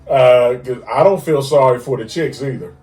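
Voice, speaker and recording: A man's voice: medium pitch, normal speed, a little mellow, reverberant, recorded from a distance. A man co-hosting a podcast, ranting in casual chat with frequent stammered restarts. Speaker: podcast co-host.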